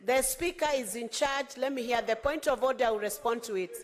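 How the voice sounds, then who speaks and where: A woman with a high voice and a Kenyan accent presides over a parliamentary chamber. She speaks formally and firmly, repeating her calls to order to keep control of the debate. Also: a little fast. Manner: firm, repetitive calls to order.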